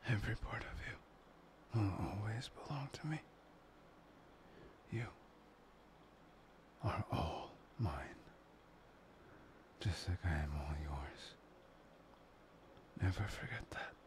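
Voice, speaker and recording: A man voicing a possessive, obsessive young man in a whispered audio roleplay, murmuring slowly and breathily. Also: on the low side, sing-song. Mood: adoring. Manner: murmuring, intimate, slow and breathy.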